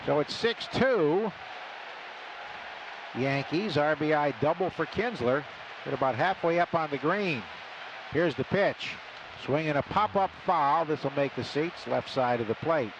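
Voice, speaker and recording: Loud ballpark ambience fills this noisy live radio broadcast from a booth at an outdoor stadium. The commentator, a man with a slightly high voice, calls the baseball game unhurriedly with lively intonation, using short, clipped phrases that build on big plays.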